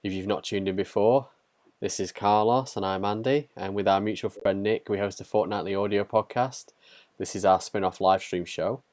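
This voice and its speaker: A man co-hosting a podcast livestream, talking in a relaxed, rambling way with lots of fillers. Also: on the low side, moderate pace, no echo. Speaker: podcast co-host. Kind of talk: casual livestream chat.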